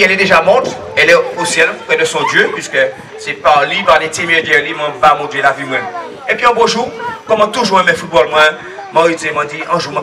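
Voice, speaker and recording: A man giving a rambling, lively faith testimony at a church gathering, laughing often as he tells his story. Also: fairly high pitch. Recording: distant mic with crowd noise.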